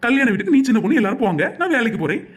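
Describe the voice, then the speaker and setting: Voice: medium pitch, very animated, very fast, lightly acted. A performer voicing a patient young married son in a cartoon, reasoning and pleading in a Tirunelveli Tamil accent. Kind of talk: cartoon voice acting.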